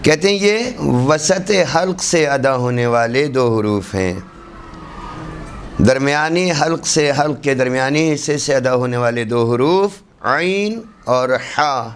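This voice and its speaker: A man giving a classroom lesson on Quran recitation, demonstrating letter sounds slowly and repeating them for students. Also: medium pitch, expressive, slight background noise.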